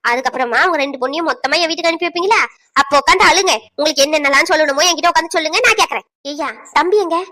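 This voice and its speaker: Cartoon mother-in-law, voiced by a woman, very high, fast, bossy scolding. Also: bright, forceful tone. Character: bossy middle-aged mother-in-law at a wedding. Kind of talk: cartoon voice acting, several village figures.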